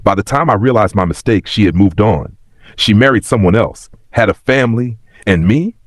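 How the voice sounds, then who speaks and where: A man voicing a wistful, regretful very old man of ninety who tells of his past in a reflective, plain-spoken, husky voice in a story. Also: lowish voice, moderate pace, dry recording, studio quality, voice pushed up, close to an everyday voice. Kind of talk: scripted story reading.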